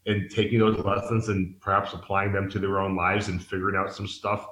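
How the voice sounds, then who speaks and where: In an echoey room in Mexico, a Massachusetts man in his forties candidly tells his life story as an interview guest, earnest and searching, often restarting sentences. His voice sits low with a level tone, fairly quick and fairly bright, over a little hiss or hum.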